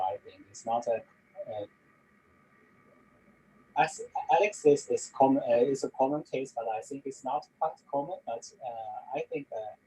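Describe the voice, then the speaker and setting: Hesitant young man from China, mellow voice. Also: medium pitch, a little hiss or hum, low-quality recording. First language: Chinese. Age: young adult. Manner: hesitant, searching for English words. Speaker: panelist, 3D effects artist. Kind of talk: casual panel talk.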